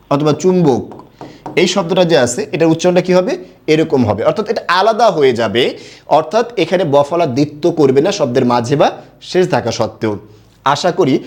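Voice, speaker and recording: Young guy from bangladesh teaching grammar online, kinda high voice, asks stuff then answers it himself. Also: darkish tone. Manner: explains step by step, asks and answers his own questions. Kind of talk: online lesson.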